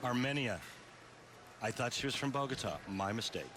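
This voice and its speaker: A man's voice: medium pitch, moderate pace, background noise. A man giving color commentary on a televised bowling match, chatty and analytical about technique. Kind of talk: sports broadcast commentary.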